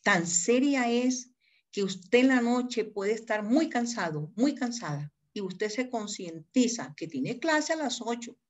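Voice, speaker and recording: A woman with a Colombian accent giving a live university law lecture, emphatic and digressive, calling on students by name and spelling words out. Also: medium pitch.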